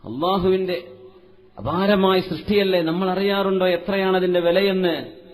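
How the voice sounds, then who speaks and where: A man preaching a sermon, asking the audience many rhetorical questions and chanting Arabic verses in a slow, melodic recitation. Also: high voice, fairly even intonation. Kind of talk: Islamic sermon.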